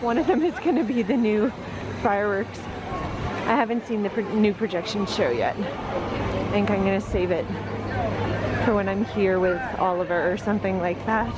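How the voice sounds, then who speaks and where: A woman's voice: medium pitch, moderate pace, pauses often. A woman vlogging casually, rambling and tossing playful asides to her viewers. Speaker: solo travel vlogger. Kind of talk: casual vlog chat. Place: busy outdoor theme park and rides. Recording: loud music and crowd noise behind. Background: loud music, crowd, vehicles.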